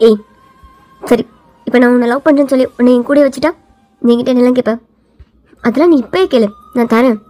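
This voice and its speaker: A woman's voice: a little high, fairly quick, pauses often, warm tone, soft background music, voice pushed down, close to an everyday voice. A woman voicing a cold, arrogant young male CEO who talks in a taunting, domineering way. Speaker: voiceover artist.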